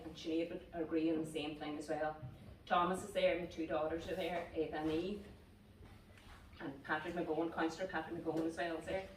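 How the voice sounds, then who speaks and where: A middle-aged woman with a low voice gives a halting, choked-up thank-you speech. She is heard from across an echoing room, with a faint wash of noise underneath. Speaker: award-winning masters runner. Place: function room at a club reception. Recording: echoey room, distant mic, faint noise.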